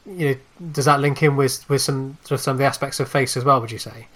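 A man's voice: mid-range voice, fairly even intonation, quick pace, a bit bright. A man hosting a podcast interview, asking questions hesitantly with many restarts and fillers. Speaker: podcast host.

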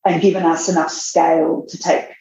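This middle-aged Australian woman, a magazine editor, speaks casually in a podcast interview with a low, mellow voice and a flat delivery at normal speed. She laughs a lot and restarts sentences, and the remote recording is roomy and dull with slight background noise.

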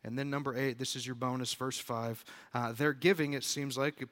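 A man preaching a sermon as pastor, talking conversationally with frequent fillers and restarts, and growing animated when he acts out quotes. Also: medium pitch, moderate pace.

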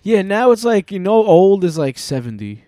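A man hosts a podcast in easygoing chat, his voice a touch high and smooth. He rambles, stalls on fillers and swears freely. The sound is dry and close. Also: very animated, mellow, no room sound. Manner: rambling, halting, with fillers and profanity. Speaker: podcast host. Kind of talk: casual chat.

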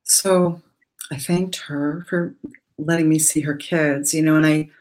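A woman's voice: low voice, fairly even intonation, unhurried, darkish tone, rough recording. A middle-aged woman telling an earnest, emotional story as a guest speaker in an interview, with many fillers.

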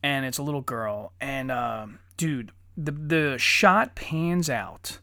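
A man in his thirties, a father and podcast co-host, telling stories in lively casual chat, swearing often and acting out quotes. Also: medium pitch, slow, no echo, clean studio sound. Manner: animated storyteller, swears often, acts out quotes.

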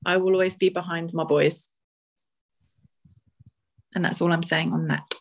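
A woman's voice: fairly low pitch, steady tone, a little slow. Chatty woman. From Essex, England. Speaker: podcast co-host. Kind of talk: casual sports discussion.

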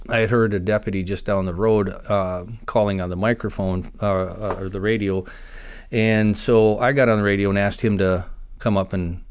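A man, a former county investigator, recounting a personal story in an interview with measured pauses. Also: fairly low pitch, a little mellow, smooth.

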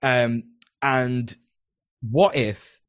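A man's voice: medium pitch, steady tone, very slow, clean tone, no echo, studio quality. A man, hosting a podcast, talking casually with lots of fillers, restarts and the odd swear word. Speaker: podcast co-host. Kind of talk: casual political chat.

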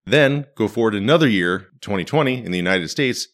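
A man's voice: lowish voice, animated, fairly quick, fairly bright tone. A man hosting a podcast in casual, wry conversational commentary, recorded in a living room. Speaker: podcast host. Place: living room used as a home studio.

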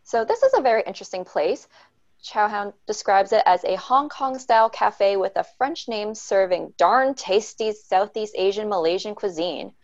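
A woman with a medium-pitched voice reads a prepared feature briskly, like a script. Her audio sounds a little muffled and dull. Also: animated, a little mellow. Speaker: podcast co-host.

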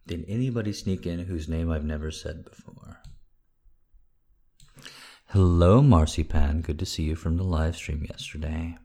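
A man's voice: low-pitched, a little slow, dark tone, breathy edge. A man who performs intimate audio for listeners, speaking in the first person. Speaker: audio erotica performer and live streamer. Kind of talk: slow, intimate first-person narration of erotic fiction, then casual chat to listeners.

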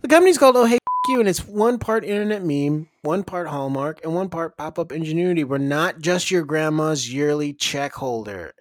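A man's voice: a little high, animated, moderate pace, few pauses, dry recording. A man co-hosting a podcast, joking and mock-exasperated as he riffs through a comedic ad read and banter. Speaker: podcast co-host reading a sponsor ad.

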